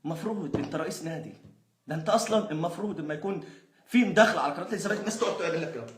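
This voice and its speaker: Fast, ranting Egyptian man. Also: on the high side, animated, background noise. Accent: Egyptian Arabic. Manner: exasperated, sarcastic, laughs mid-rant. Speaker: football fan vlogger. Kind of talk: angry ranting monologue. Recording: roomy echo.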